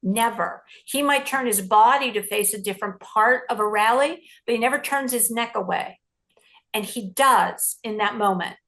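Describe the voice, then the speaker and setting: A middle-aged woman journalist recounting a story in an interview, lively and acting out the lines she quotes. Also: fairly high pitch, moderate pace, vocal fry.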